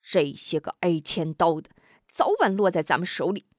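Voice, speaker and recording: A woman voicing a brisk, sharp-tongued female fighter in a martial-arts audiobook. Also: lowish voice, no echo, clean studio sound, natural voice. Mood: anxious.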